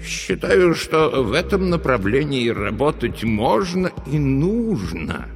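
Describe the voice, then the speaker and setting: An actor playing a calm male official who speaks in a measured, reassuring way. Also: medium pitch. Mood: formal. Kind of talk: audiobook reading. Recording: reverberant with background music.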